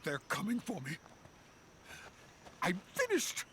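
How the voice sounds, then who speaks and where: A man's voice: sits high, huge pitch swings, slow, a bit bright, a little hiss or hum, exaggerated voice. An actor playing a frightened, anxious male scientist on the run in a game cutscene. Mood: fearful. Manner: anxious, pleading.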